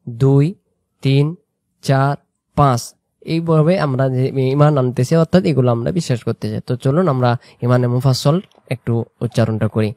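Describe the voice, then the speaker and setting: A man with a Bangladeshi Bengali accent teaching recitation, saying phrases slowly and with stretched syllables, then explaining them quickly. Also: medium pitch, dark tone, no echo, studio quality. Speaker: religious teacher. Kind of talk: slow recitation lesson.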